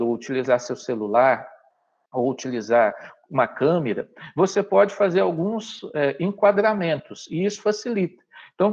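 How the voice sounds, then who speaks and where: A man's voice: mid-range voice, darkish tone, muffled recording. A man with a Brazilian Portuguese accent leads a live online workshop. He explains things step by step, speaks straight to his listeners and keeps checking in with them. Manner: explanatory, addresses the audience directly, frequent "tá?" checks. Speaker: online teaching trainer. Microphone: video call.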